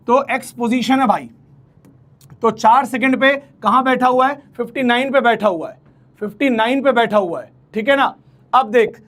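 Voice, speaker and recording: A man with a very high, slightly bright voice teaches physics in an online exam-prep lecture. He sounds coaxing and familiar, repeating key phrases as he talks.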